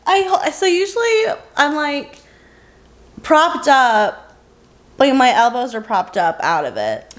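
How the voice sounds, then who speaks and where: Sitting on a couch in her living room, this podcast co-host talks slowly in a high, sing-song voice. She's a young adult woman keeping the chat casual, unbothered and matter-of-fact.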